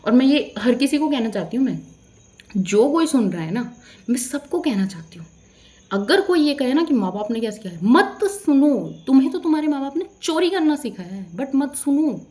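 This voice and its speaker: A woman's voice: high-pitched, sing-song, moderate pace, warm tone. A young woman telling a storytime vlog in a heated, indignant rant. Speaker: vlogger.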